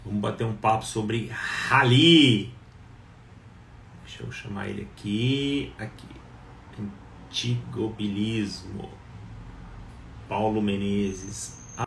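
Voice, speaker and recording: A man's voice: fairly low pitch, takes it slowly, gravelly, pauses often, fairly bright tone. A man hosting a live online talk show, chatting casually and greeting viewers one by one by name. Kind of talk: casual live-stream chat. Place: home, Ribeirão. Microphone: wireless mic. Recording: roomy and distant with faint background noise.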